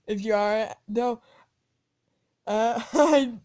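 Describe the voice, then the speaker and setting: Giggly female game commentator, slightly high, unhurried; taunting whispers, sudden shouts. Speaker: gaming channel host.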